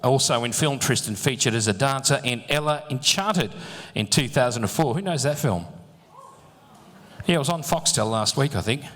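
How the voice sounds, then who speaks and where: A man's voice: medium pitch, moderate pace, fairly bright tone. A man acting as MC at a live dance event, reading introductions with jokey asides to the audience. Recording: echoey hall sound.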